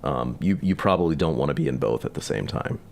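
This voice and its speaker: A man hosting a live online chat, talking casually and haltingly with many fillers. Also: extremely low pitch, gravelly, a little hiss or hum. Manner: relaxed, halting, lots of fillers. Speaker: host of a live release party.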